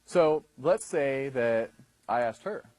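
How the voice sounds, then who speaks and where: In a dry recording, a man in his thirties who works as a dating coach instructor takes it slowly as he teaches a class. His mid-range voice is expressive and darkish, and his explanations are conversational, with frequent check-ins with his audience.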